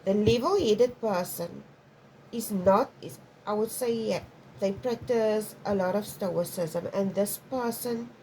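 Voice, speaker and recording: Speaking slowly in a mellow mid-range voice, a woman whose native tongue is Afrikaans gives a meandering, intuitive tarot reading. She keeps restarting and asking "okay?" throughout. The rough recording carries a slight hiss or hum.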